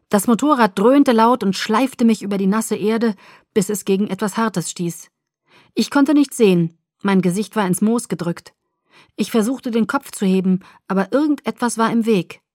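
A woman narrating a novel in the first person, with measured, expressive storytelling. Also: mid-range voice, no room sound, studio quality. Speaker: audiobook narrator.

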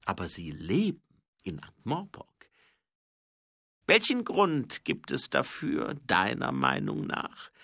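A man acting out an old dwarf king who questions his guest slowly and loudly. His gravelly voice climbs high and swings widely as he draws out each phrase. The recording is dry and close. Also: huge pitch swings, dry recording, full character voice. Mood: probing, weary. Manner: slow, high and loud, drawn-out.

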